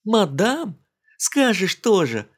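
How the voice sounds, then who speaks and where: A man's voice: on the high side, lively intonation, moderate pace, a little mellow, slightly rough, pitched above the performer's own voice. A man reading an audiobook voices a playful, mocking young English woman in a raised voice. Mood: teasing.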